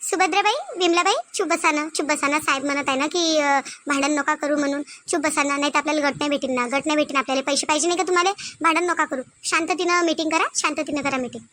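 A woman voicing calm peacemaking village group leader. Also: sits high, quick pace, few pauses, slight background noise. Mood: soothing. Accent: Varhadi Marathi. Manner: soothing, pleading, repetitive.

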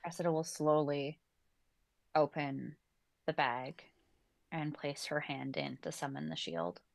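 A woman's voice: sits low, takes it slowly, creaky. A woman playing a tabletop game, describing her character's actions hesitantly. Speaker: player.

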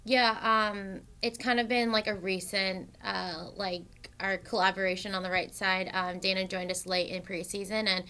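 A woman's voice: medium pitch, moderate pace, hardly any pauses, smooth. A young woman, a soccer defender, answering questions after a match with many "um"s. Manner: steady, filler-heavy answers with many "um"s. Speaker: soccer defender at a press conference. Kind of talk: post-match press answers. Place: press room in front of a sponsor backdrop.

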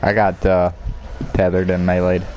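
A rowdy party-animal game streamer bantering and swearing casually, with a very animated delivery. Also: low voice, moderate pace, lo-fi sound. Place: voice chat over game stream. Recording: noisy game sound behind.

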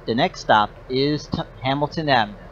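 A man giving recorded train announcements with a measured, even delivery, his words spliced together from separate clips. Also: mid-range voice. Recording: dull lo-fi clip with faint noise.

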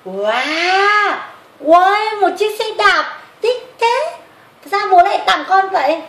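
A woman voicing an excitable, sweet and bashful little boy bear cub in a children's puppet story, with childlike exclamations. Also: extremely high pitch, slow pace, exaggerated voice. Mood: delighted. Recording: roomy echo with clear background noise.

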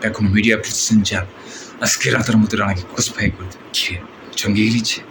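A man voicing a menacing, swaggering movie villain gang boss with a Bangladeshi accent and drawn-out threatening taunts. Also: lowish voice, fairly even intonation, close to an everyday voice. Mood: cold threats. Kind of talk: film villain dialogue mimicry. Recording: noisy amateur recording.

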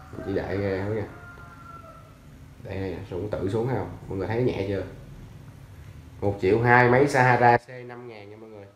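In a tiled, echoey room, this young man sits on the floor pitching secondhand fishing reels and rods, rambling casually, groping for brand names, and calling out to his audience. His voice is lowish and creaky, with slight background noise.

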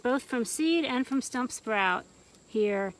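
A woman's voice: on the high side, lively intonation, slow pace, slight background noise. A woman, an extension forester and host, pointing out seedlings in a young forest outdoors in an informal way, close to the camera. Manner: informal, pointing out plants, asking questions. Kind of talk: outdoor field explanation.

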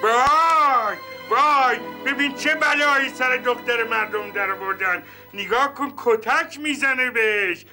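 An actor playing an excitable man who wails and exclaims over every bit of news. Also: extremely high pitch, hardly any pauses, soft background music, heavily acted. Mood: outraged. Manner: exclamatory, theatrical wailing. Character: excitable man, overdramatic, fussing and wailing.

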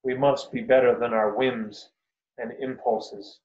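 A man voicing a calm male meditation leader who speaks slowly and solemnly, calling for peace, in a roomy, dull lo-fi recording. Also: medium pitch, slight background noise, natural voice. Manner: slow, commanding, solemn.

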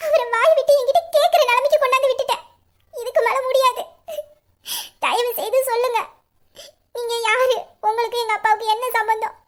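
Brief: a woman voicing an earnest young woman on the verge of tears, very high and fast, pleading, sobs breaking through. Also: fairly even intonation. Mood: tearful pleading. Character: young woman, earnest, torn and tearful bride-to-be. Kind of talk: Tamil audio drama acting.

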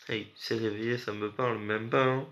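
Streamer, young guy from France, low voice, sleepless and rambling with slang, dull lo-fi stream audio. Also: steady tone, moderate pace, fairly bright tone. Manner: rambling, slangy, talks straight to chat. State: sleep-deprived. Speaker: gaming streamer chatting with viewers. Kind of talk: casual late-night stream chat. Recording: muffled lo-fi audio with faint hiss.

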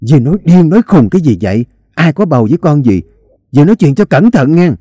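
A man's voice: a little high, very animated, quick pace, warm tone, breathy edge, no echo, studio quality, pitched above the performer's own voice. A man voicing a fierce young married woman who scolds and threatens sharply. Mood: scolding.

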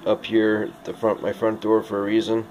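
Filming in the dark rooms of his house, a vlogger speaks softly and in a friendly way to orbs he hopes are present, offering greetings to the unseen. His voice is a little hoarse, fairly low, monotone, and at normal speed, talking casually to the camera. The camera audio is dull, lo-fi, and noisy.

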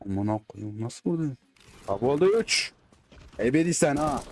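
A man doing casual gameplay commentary, excitable and swearing when the game frustrates him, slipping into dialect when angry. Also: medium pitch, normal speed, a little hiss or hum. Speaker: gaming YouTuber. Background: faint game gunfire.

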